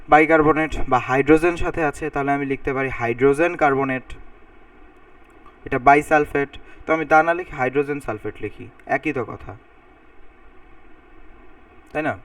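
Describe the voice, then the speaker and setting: A man's voice: on the high side, a little fast, pauses often, fairly bright tone, smooth, no echo. Man teaching chemistry from a distance. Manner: talks while writing on a board, thinking aloud, repeating sounds to drill pronunciation. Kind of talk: recorded lecture explaining formulas. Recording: voice a bit far from the mic.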